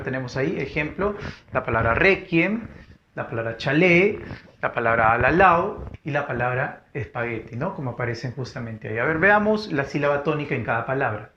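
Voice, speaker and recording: Male teacher, patient explainer, slightly high pitch, dull lo-fi recording. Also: sharp tone. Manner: explanatory, repeats key words, asks rhetorical "¿no?". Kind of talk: recorded grammar lesson. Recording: dull lo-fi recording with faint noise.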